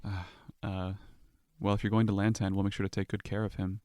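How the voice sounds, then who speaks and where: A man narrating a tabletop game as game master, in a relaxed way with many fillers. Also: fairly low pitch, a little fast, no room sound, studio quality.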